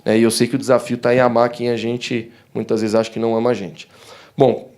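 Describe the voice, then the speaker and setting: In a warm, conversational sermon, a young Brazilian pastor with a southern Brazilian Portuguese accent frequently calls the congregation "dear ones." His mid-range voice runs a little fast, and he animates his stories in the church hall by acting out the voices of those he quotes.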